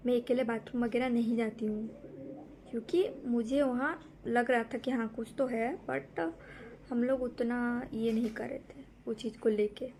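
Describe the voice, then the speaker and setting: A woman's voice: fairly high pitch, fairly even intonation, unhurried, a little mellow, slight background noise. A young woman telling a frightening true story in a casual, rambling way, often repeating herself and restarting sentences.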